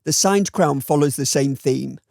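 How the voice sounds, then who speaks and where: Northern english guy reviewing a watch, gravelly voice, dry close sound, wry and opinionated. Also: a little high, a little slow, a little mellow, no room sound. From Northern England. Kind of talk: scripted review voice-over.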